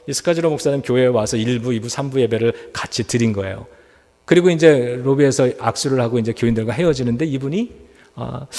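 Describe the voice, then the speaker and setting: A man's voice: medium pitch, a little mellow. A man preaching a sermon as a pastor, telling a story and acting out the voices of the people in it. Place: church sanctuary. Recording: church hall reverb.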